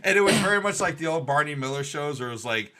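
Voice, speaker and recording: A man co-hosting a podcast in casual chat, telling stories with lively impressions. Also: on the high side, fast talker. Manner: animated storyteller, imitates theme songs. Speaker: podcast co-host.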